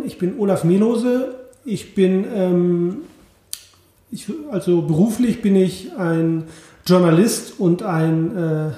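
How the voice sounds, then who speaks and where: A man's voice: high voice, dark tone. A man, a journalist co-hosting a podcast, introducing himself casually with many fillers. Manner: unhurried, filler-heavy. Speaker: podcast co-host, journalist and copywriter. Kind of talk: casual conversational interview. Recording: very echoey room.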